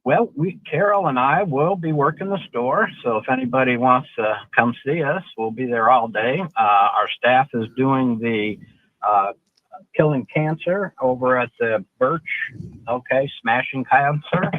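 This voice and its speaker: A man's voice: mid-range voice, unhurried. Man on a hollow, cave-like phone line. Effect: hollow cave-like echo on a phone line. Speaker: store owner calling in. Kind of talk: casual phone-in chat. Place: in his car, driving. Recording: tinny phone line from a moving car.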